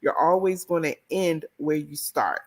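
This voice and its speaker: A woman's voice: sits low, a little slow. A middle-aged woman from the Washington, D.C. area, an author and educator telling her story in an interview. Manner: expressive, animated storyteller.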